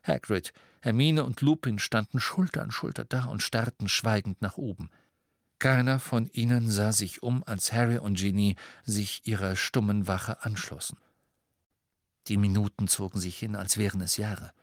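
A man narrating a novel as an audiobook in a steady, expressive reading voice. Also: on the low side, normal speed, no room sound, clean studio sound. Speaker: audiobook reader. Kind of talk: scripted narration.

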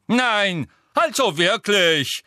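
A man voicing a fussy elderly male examiner who is easily outraged, fretting in slow, indignant tones. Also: sits high, very animated, sharp tone, dry recording, studio quality, voice pushed up, exaggerated voice.

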